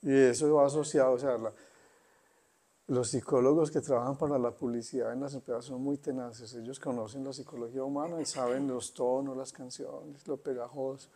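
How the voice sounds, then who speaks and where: A man giving an unhurried spiritual talk, conversational and pausing often. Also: mid-range voice, steady tone, mellow. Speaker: spiritual teacher. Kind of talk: satsang talk.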